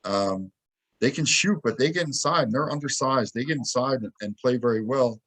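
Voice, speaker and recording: Male co-host, lively storyteller, casual game breakdown, mid-range voice. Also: mid-range voice, normal speed. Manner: animated storytelling, acts out quotes. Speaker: podcast co-host. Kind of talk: casual sports talk.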